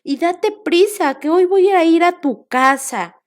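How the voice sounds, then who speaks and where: A woman voicing Jesus as a kind man calling out loudly in a children's Bible story. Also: very high-pitched, animated, slow, voice pushed up, full character voice. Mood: calling warmly. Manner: loud, bright calling.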